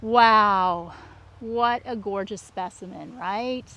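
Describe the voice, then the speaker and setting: A woman hosting a casual walk-through vlog, talking in an excited, gushing, exclamatory way. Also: mid-range voice, a little slow, dull audio. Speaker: landscape designer hosting a plant tour. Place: outdoors at a plant nursery. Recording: outdoor ambient and vehicle noise.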